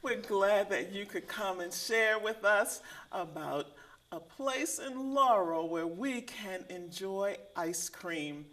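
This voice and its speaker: A woman hosting a community talk show, explaining in a measured storytelling way. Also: medium pitch, lively intonation, a bit bright, reverberant. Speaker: host.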